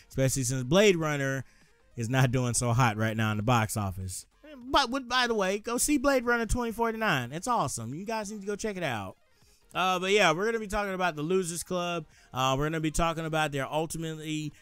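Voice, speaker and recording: A man's voice: on the high side, a bit bright, smooth, dry recording. A man co-hosting a casual movie talk, rambling and correcting himself in an upbeat way. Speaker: co-host.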